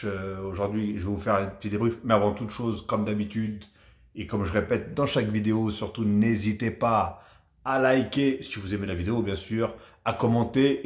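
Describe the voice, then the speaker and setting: A man from France giving a casual, rambling football match debrief to his viewers, chatty and animated. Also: fairly low pitch, echoey room. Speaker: football vlogger.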